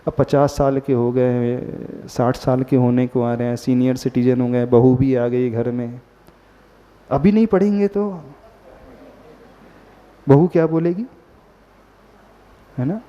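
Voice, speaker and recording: A Jain monk speaks slowly in a steady, medium-pitched voice, pausing often as he delivers a sermon to a gathered audience. He regularly asks questions of those listening and blends in English words. The recording is lo-fi and dull, with a long hall reverb.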